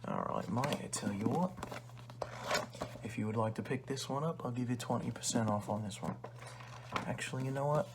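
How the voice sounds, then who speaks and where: A condescending male librarian , acted out by a man, in a soft ASMR ASMR role-play. He has a chummy yet rude salesman's patter and an average-pitched voice. There is some noise and clicking in the recording. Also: moderate pace, vocal fry, pauses often, natural voice. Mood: teasing, murmuring. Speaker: ASMR performer.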